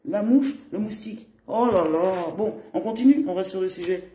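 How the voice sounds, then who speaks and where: A man's voice: high voice, normal speed, mellow, slight background noise. A man chatting to viewers in a casual live-stream monologue, rambling and laughing often. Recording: roomy echo.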